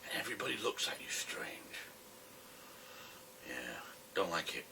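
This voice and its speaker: Deep, raspy British smoker, wryly rambling. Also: male voice, very animated, unhurried. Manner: wry, self-deprecating. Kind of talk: casual rambling vlog to camera. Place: a room at home, alone. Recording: distant camera mic with faint noise.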